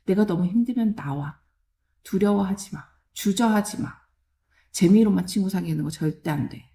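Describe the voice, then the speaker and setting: Warm-toned woman giving firm advice. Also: mid-range voice, moderate pace. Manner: firm, caring, speaks plainly to children in short commands. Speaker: child counselor giving advice. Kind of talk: direct advice talk to children and parents.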